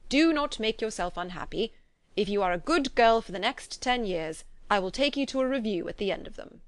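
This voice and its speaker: A woman reading the part of a dry, teasing older gentleman, a father who speaks slowly and mock-sternly. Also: mid-range voice, animated, no room sound, natural voice.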